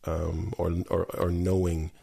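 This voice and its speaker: Lower-voiced man telling stories on a podcast. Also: unhurried, gravelly, husky. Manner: animated, emphatic storyteller. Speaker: podcast host. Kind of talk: conversational storytelling and poetry reading.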